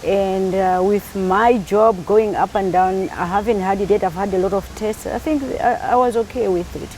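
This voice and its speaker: A woman's voice: medium pitch, fairly even intonation, moderate pace, a little mellow, a little hiss or hum, low-quality recording. Chatty woman from Malawi, interviewed. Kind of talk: casual interview.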